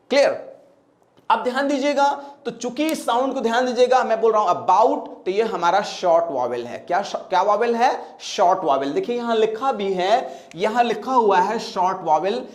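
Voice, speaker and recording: A man teaching English pronunciation, drilling words and asking the class to repeat after him. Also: high-pitched. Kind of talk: classroom lesson. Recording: echoey room.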